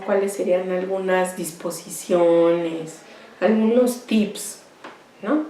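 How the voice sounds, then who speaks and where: A woman's voice: medium pitch, darkish tone. A woman giving a university lecture, explaining step by step and often tagging her points with rhetorical questions. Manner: slow, explanatory, asks rhetorical "¿verdad?" often; clears throat now and then. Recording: echoey room, voice far from mic.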